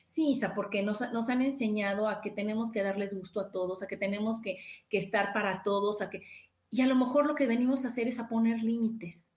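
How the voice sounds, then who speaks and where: A woman's voice: medium pitch, a little fast, a little mellow, echoey room. A woman with a Mexican accent hosting a casual self-help podcast. She talks in a reflective way, checks in with constant tag questions, and acts out inner voices as quoted asides. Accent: Mexican Spanish. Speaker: podcast host.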